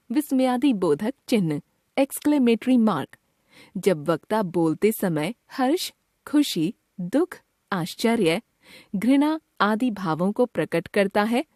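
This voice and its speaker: A woman reading a scripted grammar lesson for children in a clear, measured way. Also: mid-range voice, darkish tone, no echo, studio quality. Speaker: grammar teacher.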